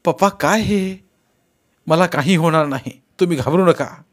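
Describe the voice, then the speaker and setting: A man's voice: fairly high pitch, normal speed, pitched above the performer's own voice, natural voice. A man voicing a grown son who speaks to his father in an earnest, pleading way. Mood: urgent.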